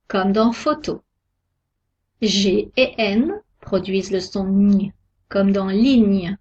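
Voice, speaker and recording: A woman giving a scripted pronunciation lesson, sounding out each example word slowly and carefully. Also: a little high, husky. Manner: slow, careful, deliberate articulation of example words. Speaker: French pronunciation teacher. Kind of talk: slow scripted lesson narration. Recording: dull lo-fi recording.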